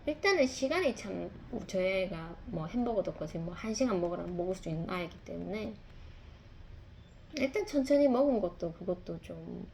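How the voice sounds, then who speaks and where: A woman's voice: lowish voice, expressive, fairly quick, gravelly, a little mellow, a little hiss or hum. A woman, a mother, telling a reflective personal story in a confessional, rambling way, full of fillers and restarts. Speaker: mother sharing a testimony.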